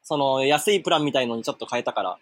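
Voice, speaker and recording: A man with a husky voice, chatting casually as a podcast co-host. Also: medium pitch, very fast. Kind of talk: casual chat. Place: Thai restaurant or cafe, calling in.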